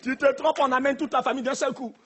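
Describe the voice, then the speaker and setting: High-voiced man doing live stand-up. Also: fairly even intonation, fast, breathy edge. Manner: punchy, teasing delivery to the crowd. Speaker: stand-up comedian. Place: theater stage, live audience. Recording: live theater, audience and noise.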